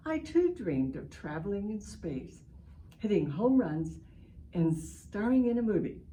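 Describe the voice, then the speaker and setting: Leading a children's reading session, a woman reads a picture book aloud in a mid-range, sing-song, mellow voice at a measured pace. A faint hiss or hum is audible. She talks straight to the kids with exaggerated emphasis, exclamations, and simple explanatory asides.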